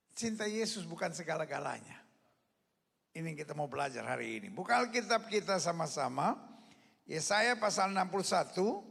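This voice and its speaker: High-voiced pastor shouting in a hall. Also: male voice, vocal fry. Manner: preaching with shouted repetitions and crowd call-and-response. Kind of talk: sermon. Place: large church auditorium. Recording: long reverb of a large hall.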